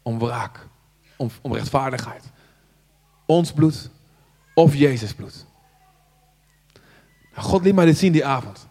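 A man from the Netherlands preaching a sermon to a live audience, telling the story in an animated way and dropping from hushed tones to loud outbursts. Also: medium pitch, slow pace, pauses often. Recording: long hall reverb.

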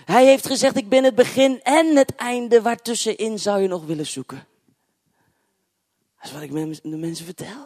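A man preaching a sermon, swinging from loud, emphatic proclamation to hushed, near-whispered storytelling and acting out the dialogue in his stories. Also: high voice, normal speed, dry recording, clean studio sound. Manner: acts out dialogue in his anecdotes.

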